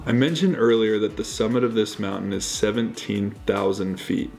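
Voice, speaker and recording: A man's voice: lowish voice, normal speed, gravelly, loud music behind the voice. A man casually narrating his travel vlog as he goes. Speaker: travel vlogger.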